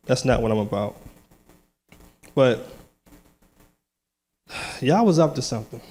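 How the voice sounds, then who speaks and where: A man speaks in a church testimony, casual and earnest, laughing now and then. His voice sits at a middle pitch, and he grows firm and declarative as he talks. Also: darkish tone. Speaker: lay speaker giving testimony. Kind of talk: church testimony and short sermon.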